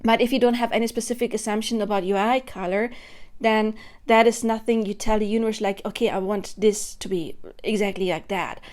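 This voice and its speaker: A woman in her thirties talks to camera in a medium-pitched, darkish, steady voice at a fairly quick pace. As a spiritual vlogger, she gives a spontaneous, earnest monologue about her beliefs, thinking aloud as she goes.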